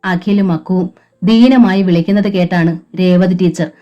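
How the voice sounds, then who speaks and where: A woman narrating a novel with slow, emotional storytelling. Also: fairly low pitch, steady tone. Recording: dull lo-fi with faint background music.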